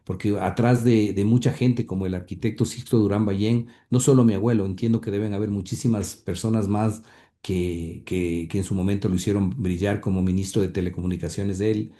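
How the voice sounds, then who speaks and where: As the grandson of the man being discussed, this interview guest answers questions about his late grandfather. His voice sits on the low side and sounds mellow, with a brisk delivery and fairly even intonation, though he hesitates often, repeating words and leaning on fillers.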